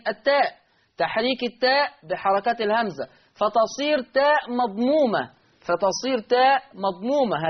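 A man's voice: sits high, muffled recording. A man with an Egyptian Arabic accent teaching Quran recitation rules in an online lesson, repeating key terms and answering his own questions.

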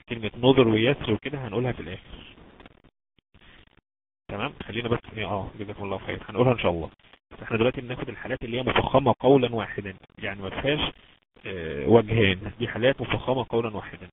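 A man with an Egyptian Arabic accent teaching Quran recitation rules in an online lesson, drilling points patiently and stretching out example words slowly. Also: medium pitch. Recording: tinny phone-like line with background noise.

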